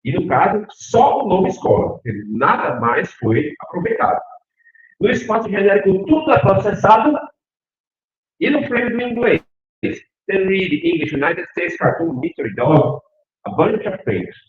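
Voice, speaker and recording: Middle-aged man, Northeastern Brazilian accent, lively rising-and-falling lecture voice, thin phone-like sound. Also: high-pitched, unhurried. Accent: Northeastern Brazilian Portuguese. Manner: animated, asks the audience questions. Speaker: university professor. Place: lecture hall. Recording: echoey hall, tinny phone-like sound.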